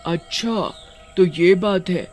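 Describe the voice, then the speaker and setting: A man voicing a kindly female river witch in a storybook tale, speaking gently and soothingly like a mother. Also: sits high, slow pace, soft background music.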